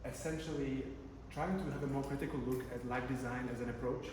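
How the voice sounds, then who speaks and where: A PhD researcher from the Czech Republic gives an academic conference talk in a large conference room, speaking conversationally with many fillers and restarts. His voice is medium-pitched and brisk with fairly even intonation. It is recorded from far off in an echoey hall with room noise.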